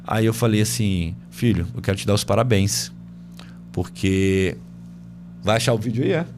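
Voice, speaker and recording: A man's voice: on the low side, moderate pace, noisy background. A man hosting a podcast, telling a family story casually with many fillers and acting out the dialogue, recorded in a home studio. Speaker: podcast host.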